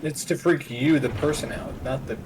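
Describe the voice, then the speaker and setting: A man's voice: mid-range voice, normal speed, noisy background. A man chatting with a friend during a horror game stream, wry and joking. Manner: wry, joking, laughs easily. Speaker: co-player friend. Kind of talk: casual gaming chat.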